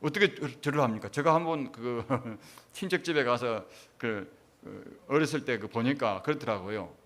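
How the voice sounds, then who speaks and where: A man's voice: mid-range voice, moderate pace, fairly bright tone. A middle-aged man, a pastor preaching a sermon with emphatic rhetorical questions to his congregation.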